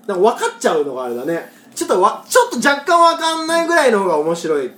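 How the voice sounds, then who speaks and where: Woman from Kagoshima, lively podcast host. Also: mid-range voice, very fast. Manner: explains dialect words, laughs often. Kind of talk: casual podcast chat reading listener poems. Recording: roomy echo.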